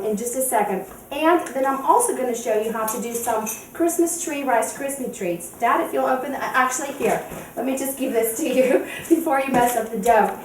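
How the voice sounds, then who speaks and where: A woman hosting a home cooking demonstration in her kitchen, chatty and giggly as she walks through each step. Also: a little high. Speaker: cooking show host. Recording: echoey kitchen, distant mic, faint noise.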